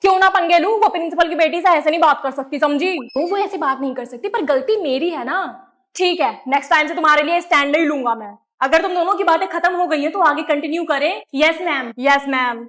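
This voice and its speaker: A woman's voice: sits high, a little fast, fairly bright tone. A young woman acting out comic skits in a cheeky, playful, argumentative way. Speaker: comedy skit creator.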